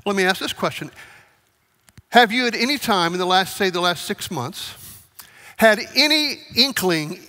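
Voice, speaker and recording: A man's voice: high-pitched, animated, normal speed, long pauses, bright, forceful tone. A male pastor preaching a sermon in a church, talking conversationally and asking the congregation to raise hands. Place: church sanctuary. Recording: long church hall reverb.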